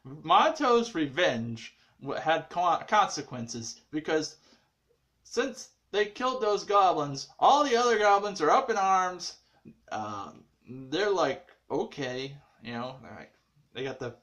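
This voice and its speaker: A man recapping an anime episode in casual chat, rambling with lots of fillers and restarts, swinging between muttered asides and excited bursts. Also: on the high side. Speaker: anime reviewer.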